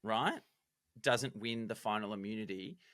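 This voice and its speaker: A man co-hosting a podcast, explaining game strategy in an animated, detailed way. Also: lowish voice, unhurried, no echo, studio quality. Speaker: podcast co-host, former contestant. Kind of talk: casual analytical chat.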